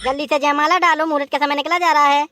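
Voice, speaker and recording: A woman's voice: high-pitched, fairly even intonation, fast, background noise, lightly acted. Woman putting on a droning impatient cartoon priest. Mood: insistent. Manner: loud, droning chant, insistent repetition. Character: impatient temple priest, chanting, hurrying the ceremony. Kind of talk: comic cartoon dialogue.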